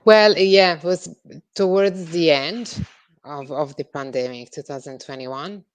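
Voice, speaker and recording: Interviewed as a guest psychologist, a woman from Italy hesitates a lot, peppering her replies with ums and uhs. Her voice is deep, clear and resonant, a little slow, caught in a dry, low-quality recording.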